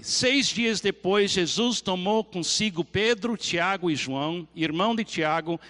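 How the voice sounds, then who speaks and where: A man preaching a lively sermon as a pastor, telling the story with animated acting-out of scenes. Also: sits high, big-room sound.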